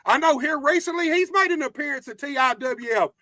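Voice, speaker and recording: A man with an extremely high, bright voice that keeps cracking hosts in a Southern accent. The chat is loose and sweary, and the sound is close and dry. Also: brisk, no room sound. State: voice cracking after flu in the household. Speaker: host of a wrestling interview show. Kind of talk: casual, profane host chat.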